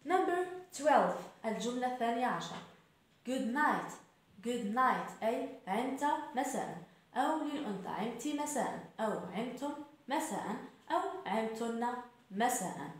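A woman teaching English phrases, saying each one slowly and carefully so learners can repeat it. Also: a little high, expressive. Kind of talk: language lesson. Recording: very echoey room.

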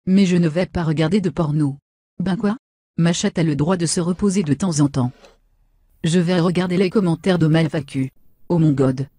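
A woman's voice: on the low side, normal speed, dark tone, slightly rough, no echo, studio quality. A woman voicing a vain, foul-mouthed young woman, brash and insulting in comic machinima. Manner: brash, insulting, self-satisfied.

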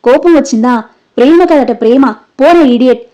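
A woman reading the part of a young man who pleads with and scolds his best friend in a high, mellow voice, on a dull, lo-fi recording. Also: moderate pace, close to an everyday voice. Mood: angry. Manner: emotional, scolding outbursts.

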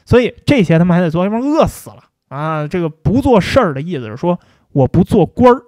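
Brief: male livestream host, high voice, dry close recording, joking and chatty. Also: big pitch swings, fast talker, darkish tone, no echo. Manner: chatty, jokey, colloquial. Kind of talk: casual philosophy talk.

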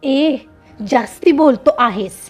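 A woman's voice: high-pitched, expressive, slow pace, a little mellow, faint music behind. A woman voicing an arrogant young man who bullies and threatens a rival in a storybook reading, taunting and swaggering.

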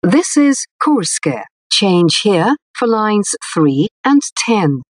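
A woman reading formal, scripted subway announcements in clearly separated phrases. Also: mid-range voice, big pitch swings, drawn-out words, dry recording, clean studio sound.

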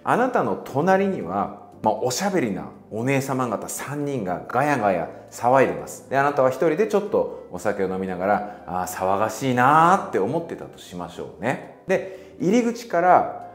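A man hosting a casual spiritual talk, telling stories and acting out bits of dialogue in a lively way. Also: medium pitch, normal speed, reverberant. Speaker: spiritual channel host.

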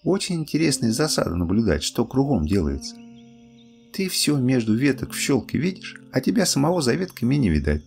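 Gravelly older man telling a bedtime story. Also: mid-range voice, a little fast, soft background music. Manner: lively, expressive storytelling.

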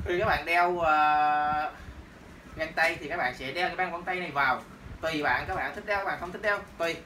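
A young man presenting boxing gloves and hand wraps in a casual product demo, speaking loosely with many fillers. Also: fairly high pitch. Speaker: martial arts shop presenter. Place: small room in a shop, indoors. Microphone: camera on tripod a few meters away. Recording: roomy, distant camera audio with noise.

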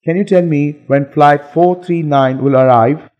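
A man reading the lines of a scripted English lesson dialogue in a plain, measured way. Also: a little high, big-room sound, dull audio.

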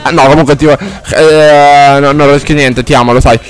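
Male game streamer, high-pitched, rambling, profane, loud outbursts, faint background music. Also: steady tone, normal speed. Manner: rambling and profane, chatting to viewers; loud, exaggerated outbursts while playing. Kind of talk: casual live-stream chatter.

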